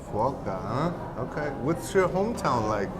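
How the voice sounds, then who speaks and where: A man hosting a casual interview, asking questions and reacting with upbeat quick remarks. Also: medium pitch, big pitch swings. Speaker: host and interviewer. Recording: clear background noise.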